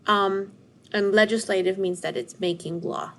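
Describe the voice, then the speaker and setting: A woman's voice: medium pitch, fairly even intonation, fairly bright tone. Woman teacher sounding out syllables. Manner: slow, clear over-enunciation of syllables. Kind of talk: recorded phonics lesson for children.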